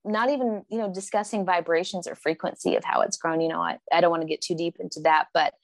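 A woman's voice: lowish voice, quick pace, dry recording. This is a woman from Oklahoma chatting as a podcast guest. She tells stories with energy and slips into voices for the people she quotes. The sound is dry and close to the mic. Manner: animated storyteller, acts out quotes. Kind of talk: casual podcast chat.

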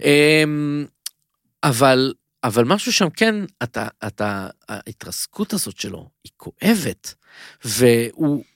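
Animated rambling man in dry studio. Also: mid-range voice, vocal fry, no room sound. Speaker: podcast co-host. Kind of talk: casual TV-recap podcast chat.

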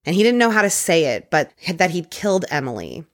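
A woman hosting a podcast, casually recounting a true-crime case with quick conversational asides. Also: fairly low pitch, sing-song. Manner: conversational, quick asides, occasional put-on quotes. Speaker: podcast host telling a case.

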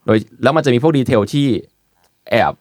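A man hosting a casual podcast chat, explaining product details in a relaxed way with many fillers. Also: medium pitch, moderate pace, dry recording, clean studio sound. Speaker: podcast host presenting eyewear.

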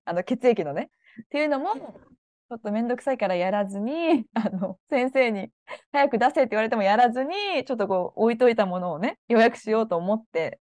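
Expressive woman co-host, lively pitch swings, dry close sound, frequent laughter. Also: no echo. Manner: expressive, laughs often while telling stories. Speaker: podcast co-host. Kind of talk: casual chat.

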